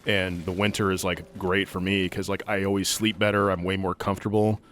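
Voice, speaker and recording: Playing a video game as a co-host, this thirtysomething man from California keeps up a casual chat packed with fillers and the odd swear word. His voice sits low, with a level, fairly bright tone and a brisk pace.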